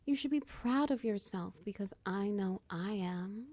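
A woman playing a tender, protective girlfriend in a whispered comfort roleplay, talking softly and reassuringly, close to the mic. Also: mid-range voice, close to an everyday voice. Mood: soothing. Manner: soft, slow, reassuring, half-whispered. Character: tender protective dominant girlfriend, doting and patient. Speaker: audio roleplay performer.

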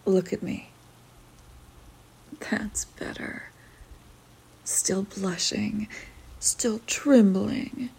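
A woman takes on the full character voice of a teasing, dominant young woman in ASMR roleplay. She whispers breathily at medium pitch, dark and mellow with a gravelly edge of fry, and unhurriedly delivers one command at a time.

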